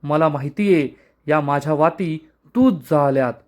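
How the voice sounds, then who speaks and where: A wronged young woman who demands a confession in an accusing tone, as a male narrator reads her lines. The voice stays close to the narrator's own high voice. She is part of a retold soap-opera scene. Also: measured pace, natural voice. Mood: angry. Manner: accusing, pleading.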